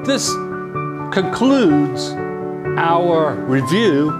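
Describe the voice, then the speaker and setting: A man reviewing a kitchen oven in a home kitchen, chatting excitedly with viewers. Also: on the high side, drawn-out words, loud music behind the voice. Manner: exuberant, chatty, calls viewers "my friends" and "baby". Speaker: cooking appliance reviewer. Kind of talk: casual cooking review.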